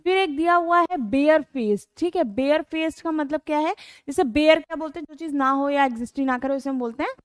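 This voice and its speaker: A woman's voice: sits high, fairly quick, hardly any pauses, no room sound, studio quality. A woman teaching English vocabulary for exam prep, mixing Hindi and English with an Indian accent, asking students rhetorical questions and calling them beta. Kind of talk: online exam-prep class.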